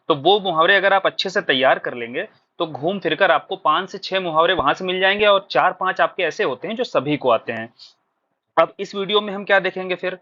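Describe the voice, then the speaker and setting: A man's voice: fairly high pitch, bright, forceful tone. A man teaching a recorded exam-prep lesson, explaining patiently and asking questions before answering them himself. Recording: dull lo-fi recording.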